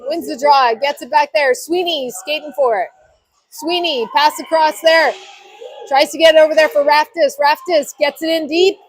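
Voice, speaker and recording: High-voiced woman calling hockey play-by-play. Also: fairly even intonation, moderate pace, no echo, low-quality recording. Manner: short clipped play-by-play phrases. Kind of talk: live sports commentary.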